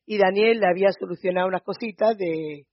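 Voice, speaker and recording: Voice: medium pitch, brisk, no echo. A preacher with a Spain Spanish accent, retelling a Bible story in a conversational, storytelling teaching style and often checking in with listeners. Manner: storytelling, often adds checking tag questions. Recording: dull, slightly lo-fi recording.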